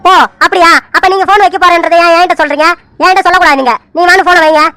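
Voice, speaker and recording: A woman plays a playful, teasing man on the phone in a cartoon serial, who fakes fright and coaxes in quick, bright, very high tones. The voice sounds close and dry, with no room around it. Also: steady tone, no room sound. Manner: teasing, mock-pleading, wheedling. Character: man called Surya sir on the phone, teasing. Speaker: cartoon character. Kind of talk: animated serial dialogue.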